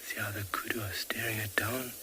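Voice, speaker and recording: A man whispering live wildlife commentary as a safari guide at a watering hole, hushed and awed. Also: fairly low pitch, little pitch movement, a little fast. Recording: outdoor ambience noise.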